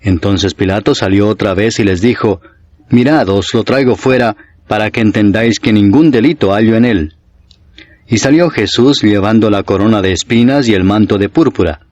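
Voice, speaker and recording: A man reading scripture aloud in a steady, solemn narration, raising his voice a little for the crowd's shouts. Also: fairly low pitch, no echo, dull audio. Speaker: Bible reader.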